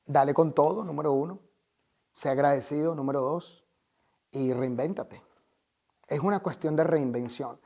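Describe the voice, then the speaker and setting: A man's voice: a little high, moderate pace, gravelly, long pauses, darkish tone. A Venezuelan man, a life coach, telling his story in an interview in an earnest, emphatic, motivational way.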